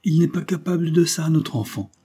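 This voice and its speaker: A man's voice: medium pitch, moderate pace, warm tone, husky, natural voice. A man reading the part of an older, kind peasant mother who talks in plain, earnest country speech.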